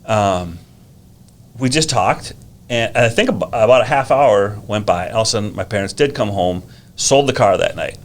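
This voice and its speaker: A man's voice: fairly low pitch, animated, moderate pace. A man in his fifties, a teacher and driving instructor, chatting casually on a podcast and telling stories with a gift of gab. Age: 50s.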